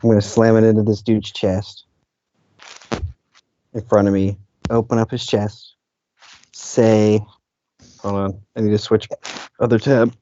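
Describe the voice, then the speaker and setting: A man's voice: on the low side, level tone, measured pace, pauses often, mellow, a little hiss or hum. A man playing a tabletop game, bluntly describing his character's actions in casual talk. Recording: dull, dry, lo-fi voice-chat sound.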